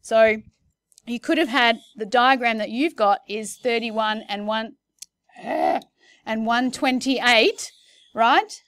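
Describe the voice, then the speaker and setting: A woman's voice: fairly high pitch, slow pace, a bit bright, no echo, studio quality. A woman teaching a maths class in a chatty way, correcting herself and checking in with her students. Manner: chatty, self-correcting, asks the class questions. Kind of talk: classroom lesson.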